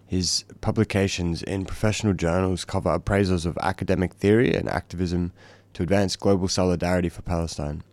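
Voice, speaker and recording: A male radio host reading out a speaker's introduction in a measured way, with the odd "um". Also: low-pitched, fairly even intonation, a little mellow, dry recording. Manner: measured, with occasional fillers.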